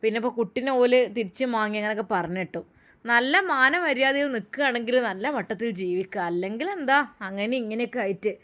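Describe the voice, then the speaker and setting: A woman with a Malappuram Malayalam accent voicing a nosy, judgmental older neighbour woman in a low, heavy voice. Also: fast, a bit bright, close to an everyday voice. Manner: nosy, moralizing, spreading rumours.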